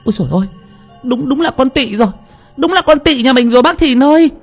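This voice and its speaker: A man's voice: animated, fast talker, soft background music, exaggerated voice. A man narrating an audiobook while voicing an elderly village woman crying out. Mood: overwhelmed. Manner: crying out, high-pitched.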